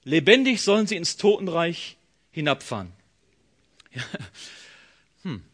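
Expressive German-speaking male preacher. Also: fairly high pitch, measured pace. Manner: expressive, acts out quoted voices, direct address. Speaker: pastor. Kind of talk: sermon.

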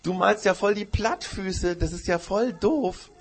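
A man's voice: on the high side, creaky, breathy edge, pitched above the performer's own voice. A man doing a mocking little goat. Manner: mocking, laughing, drawn-out taunts.

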